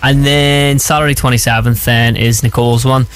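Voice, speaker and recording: A man's voice: mid-range voice, fairly even intonation, normal speed, smooth. A man hosting a breakfast radio show, chatting casually in an upbeat morning DJ manner. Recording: music playing under the voice.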